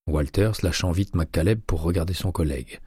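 Deep, husky male audiobook narrator. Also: dry recording, studio quality. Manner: measured, even reading.

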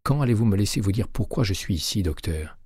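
A man's voice: on the low side, expressive, quick pace, mellow, husky, dry recording, clean studio sound. A man voicing an urgent, persuasive middle-aged former patient in an audiobook. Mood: insistent. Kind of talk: audiobook reading.

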